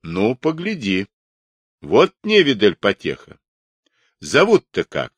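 A man's voice: on the low side, wildly swooping pitch, slow pace, a bit bright, no echo, voice pushed up, exaggerated voice. A man voicing an amazed Cossack clerk. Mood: amazed, questioning. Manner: wondering, questioning.

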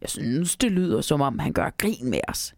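A woman doing a gruff old grandfather. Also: sing-song, a little mellow, no echo, studio quality, heavily acted. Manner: grumbling, low rumbling. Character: old grandfather, gruff former sailor, pipe-smoking.

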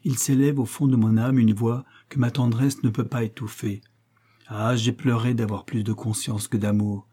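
A man's voice: mid-range voice, little pitch movement, normal speed, mellow, husky, lightly acted. A man reading an earnest young wife's letter. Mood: tender earnest. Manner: tender, solemn and moralizing. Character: earnest young wife writing a pleading letter.

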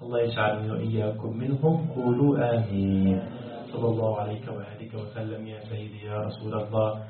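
A man teaches a Quran commentary lesson. He keeps quizzing his students and chants the verses. His voice comes from far off in a booming echo through a thin, phone-like line. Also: flat delivery, a little fast, a crowd in the background. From Egypt. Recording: very echoey, distant, phone-like sound.

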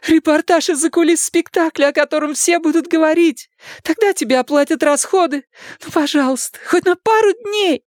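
A man's voice: moderate pace, no room sound, clean studio sound. A male reader voicing a tearful, clingy young woman who pleads and sobs in an audiobook. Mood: sobbing. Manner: pleading, high and sobbing. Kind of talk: audiobook character voice.

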